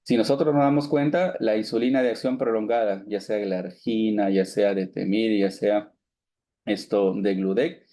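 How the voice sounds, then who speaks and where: With a lowish, dark voice, steady tone and normal speed, a physician in his thirties from Peru gives a step-by-step medical lecture. He asks and answers his own questions, restarts often, and scatters fillers like "digamos" and "esto" throughout.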